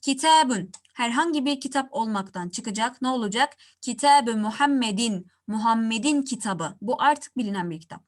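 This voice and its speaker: A woman with a fairly high voice teaches a grammar lesson, walking through one example after another. She asks her students questions and then answers them herself. She slows down carefully on each example word. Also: animated. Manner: slows down to pronounce example words with care.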